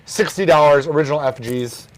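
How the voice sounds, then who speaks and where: A man hosting a record store's morning show, casually talking through records and their prices in an offhand, relaxed way. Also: a little high, fast talker.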